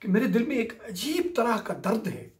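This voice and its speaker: A man's voice: high-pitched, big pitch swings, moderate pace. A man explaining a classical Sufi poem line by line, reciting each verse and then glossing its words. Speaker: poetry commentator.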